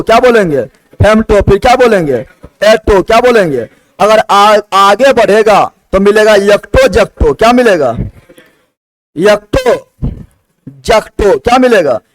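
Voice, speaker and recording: A man whose voice sits high teaches a classroom lecture, drilling students by asking the same question over and over and answering it himself. The recording is dry and of low quality.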